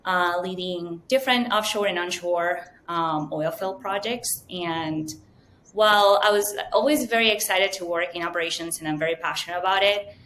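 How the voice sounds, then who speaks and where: Woman guest, low pitch, earnest interview tone, faint background rumble. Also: normal speed, fairly bright tone. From Venezuela. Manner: fluent, earnest, many ums. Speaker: guest, data science manager. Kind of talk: interview answers.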